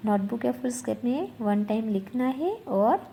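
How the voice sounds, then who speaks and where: A woman's voice: on the high side, animated, moderate pace, vocal fry, dark tone. A woman teacher leading a revision lesson, spelling words letter by letter, repeating them and answering her own questions. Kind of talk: slow classroom revision lesson.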